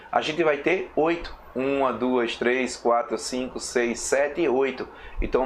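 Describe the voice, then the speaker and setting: A man's voice: on the high side, a little hiss or hum. Man teaching math step by step. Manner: explains step by step, counting slowly, checks in with "ok?" and "tá?". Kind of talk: recorded math video lesson.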